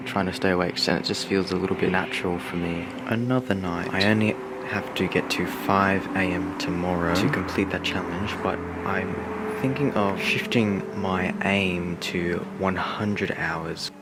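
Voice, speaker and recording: A man's voice: deep voice, fairly even intonation, normal speed, roomy sound, heavy background noise. A man narrating a personal vlog in an understated, slightly hesitant way. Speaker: vlogger doing a sleep deprivation challenge. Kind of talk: vlog narration and self-talk.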